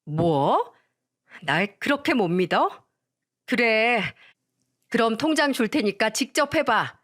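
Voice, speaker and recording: A woman voicing a selfish, nagging young wife who scolds and shouts at her husband in a storytelling drama. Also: a little high, big pitch swings, takes it slowly, heavily acted. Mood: irritated.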